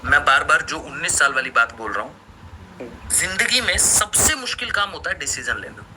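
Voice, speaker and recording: A male host interviewing guests in an energetic, persuasive way, repeating phrases for emphasis. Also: on the high side, normal speed, background noise. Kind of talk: motivational interview on a live call.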